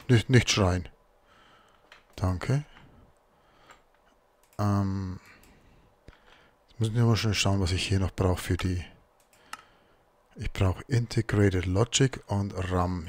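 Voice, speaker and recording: Let's play host, husky low voice, chatty self-talk, keyboard clicks behind. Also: male voice. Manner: muttering to himself while crafting. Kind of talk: casual gameplay commentary.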